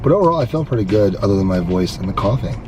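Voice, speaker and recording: A man vlogging casually in a car, his sick, worn-out voice a hoarse smoker's rasp, chatting in a laid-back, rambling, slangy way. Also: on the low side, animated, racing, music in the background. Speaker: video blogger. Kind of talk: casual vlog chat to camera. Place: inside a car.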